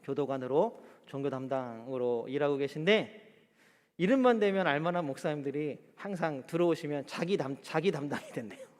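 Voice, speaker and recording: A man preaches a sermon in church with a fairly high voice. He poses rhetorical questions and slips into quoted speech, and the recording carries a long hall reverb. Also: expressive, fairly quick. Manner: acts out quoted speech in a chatty voice. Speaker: pastor.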